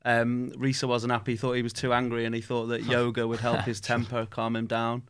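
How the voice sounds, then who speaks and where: A man's voice: mid-range voice, completely flat delivery, brisk, clear, resonant tone. A man who is a comedian guest on a football podcast, chatting in a loose, jokey way. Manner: loose, jokey delivery with fillers. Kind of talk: casual chat.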